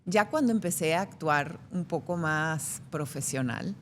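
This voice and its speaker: A middle-aged actress from Venezuela, telling stories in a lively way during a casual interview. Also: female voice, deep voice, a little slow, slight background noise. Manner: lively anecdotal storyteller. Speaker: actress guest.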